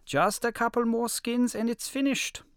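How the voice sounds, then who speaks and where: A man's voice: extremely high pitch, steady tone, normal speed, clean tone, no room sound, voice pushed up. A man doing a sly, wheedling wolf. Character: sly greedy male wolf, wheedling trickster.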